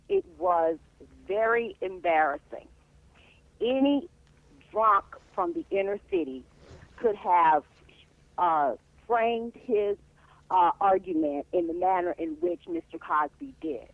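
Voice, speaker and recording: A man calling in to a radio talk show, speaking haltingly with many fillers. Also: sits high, creaky, no room sound. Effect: phone line. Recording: tinny phone line.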